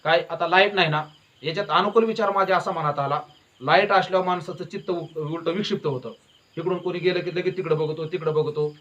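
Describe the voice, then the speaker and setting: A man delivers a devotional sermon in a high, ringing voice, hammering his points home by repeating them. He keeps drifting into folksy stories. The recording is dull and lo-fi. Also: fairly even intonation, brisk, fairly bright tone. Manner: emphatic and repetitive, with folksy storytelling. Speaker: devotional preacher.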